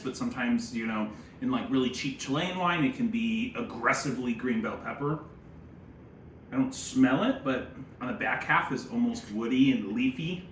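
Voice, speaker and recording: A man's voice: mid-range voice, a bit bright. Guy doing sommelier tasting notes, kinda wry and opinionated, lots of jargon, echoey room w a bit of background noise. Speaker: sommelier and presenter. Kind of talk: casual wine tasting commentary.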